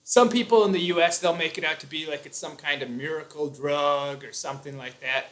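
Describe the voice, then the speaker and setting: A man's voice: a little high, brisk, fairly bright tone. Chatty opinionated man hosting a livestream. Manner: opinionated, explains at length with fillers and restarts. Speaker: live stream host. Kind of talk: casual live stream chat.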